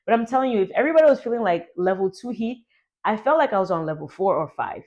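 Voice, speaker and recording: A woman's voice: mid-range voice, fast, lo-fi sound. Chatty young woman telling a story. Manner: chatty, animated, heavy use of "like". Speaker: YouTuber. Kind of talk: personal storytelling vlog.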